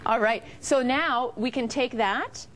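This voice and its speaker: A woman with a slightly high voice works as a home shopping host. She pitches live in gushing, enthusiastic patter, talking straight to viewers at home. Some noise sits behind her in the studio recording. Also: slow pace, fairly bright tone. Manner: enthusiastic, gushing over features. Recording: noticeable background noise.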